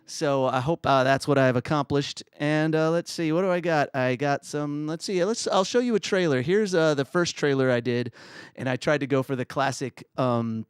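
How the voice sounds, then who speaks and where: A middle-aged man with a raspy voice who hosts his own livestream, chatting casually and rambling in a self-deprecating way. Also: fairly high pitch, normal speed, dry recording, studio quality.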